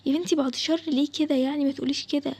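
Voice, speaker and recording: Bold young Egyptian boy, a woman voicing, high, fast and sure of himself, cartoon story. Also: steady tone. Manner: confident, reassuring, hushed at times. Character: bold young boy Adam, daring treasure hunter.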